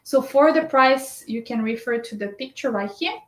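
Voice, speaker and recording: Her fairly high voice keeps a normal speed as this woman, presenting for a shopping service, narrates a screen tutorial step by step, frequently adding "right?" and "uh" to check in. The recording carries a roomy echo.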